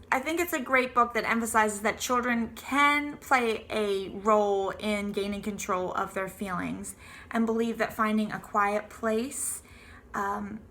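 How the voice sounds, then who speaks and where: Bright-voiced woman reviewing a book. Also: mid-range voice. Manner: earnest, explanatory, occasional ums. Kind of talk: prepared book review to camera.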